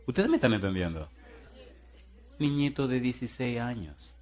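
Male pastor preaching, lively pitch that jumps around, loud then whispery, keeps asking the crowd yes or no. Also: normal speed. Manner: rhetorical questions, folksy and teasing; swings between booming and hushed. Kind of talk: sermon.

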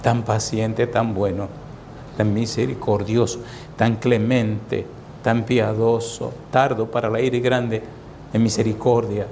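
A man's voice: on the low side, little pitch movement, a little slow, gravelly, darkish tone, slight background noise. A man preaching a sermon with dramatic swings, at times acting out the voices of people in his stories. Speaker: pastor.

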